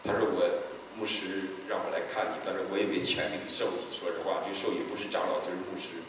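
A male pastor from mainland China, telling a story in an evangelistic sermon, acting out dialogue and breaking into loud exclamations. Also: deep voice, level tone, quick pace, background noise. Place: large church hall. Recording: echoey hall, voice picked up from a distance.

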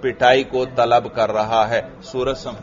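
A man's voice: medium pitch, little pitch movement, slow pace, dull audio. A man from Pakistan with a Pakistani Urdu accent, teaching a classroom grammar lecture and asking his students questions, then repeating their answers.

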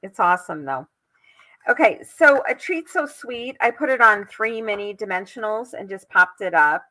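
An older American woman hosts a live craft tutorial from her home, chatting casually as she demonstrates. Her mid-range voice is animated, pushed, and bright, at a moderate pace. The recording is low quality.

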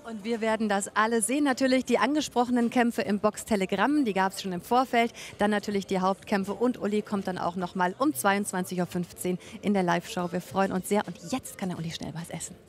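A woman's voice: medium pitch, steady tone, brisk, few pauses. A woman in her thirties presenting live as a sports reporter at ringside, using a handheld microphone. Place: ringside in an event hall.

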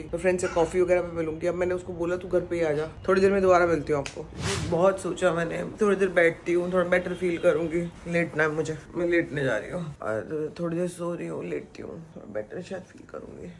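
A woman's voice: lowish voice, fairly even intonation, brisk, few pauses. Weak, feverish woman vlogging at home. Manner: chatty, mixes English phrases into talk. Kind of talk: casual chat to camera. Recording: noisy home recording.

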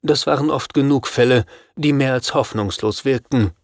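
A man's voice: medium pitch, normal speed, no echo, studio quality, natural voice. A man reading an audiobook, voicing a kind young woman who comforts a friend. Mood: reassuring. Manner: gentle, reassuring.

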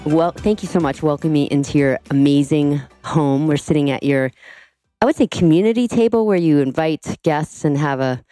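A woman's voice: low voice, normal speed, mellow, no echo, studio quality, faint music behind. A woman hosting a podcast, talking casually and enthusiastically with lots of fillers and little laughs. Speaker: podcast host. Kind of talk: casual podcast intro monologue.

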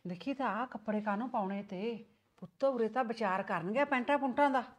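ਇੱਕ ਔਰਤ ਪੰਜਾਬੀ ਲਘੂ ਫ਼ਿਲਮ ਵਿੱਚ ਪਿੰਡ ਦੀ ਸਬਰ ਵਾਲੀ, ਫ਼ਿਕਰਮੰਦ ਸੱਸ ਬਣੀ ਹੈ, ਜੋ ਨੂੰਹ ਨੂੰ ਪਿਆਰ ਨਾਲ ਮਨਾਉਂਦੀ ਹੈ।. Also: female voice, fairly high pitch, brisk, lightly acted. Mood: coaxing. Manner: soothing, pleading, worried. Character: village mother-in-law, patient and worried. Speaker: mother-in-law. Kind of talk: Punjabi short film acting.

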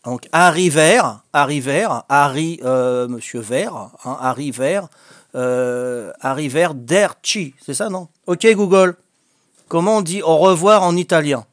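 A man's voice: fairly high pitch, unhurried, no echo, clean studio sound. Hesitant older Corsican man. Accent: Corsican French. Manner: hesitant, many fillers and restarts, joking. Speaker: vlogger learning a language. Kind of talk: casual home video lesson.

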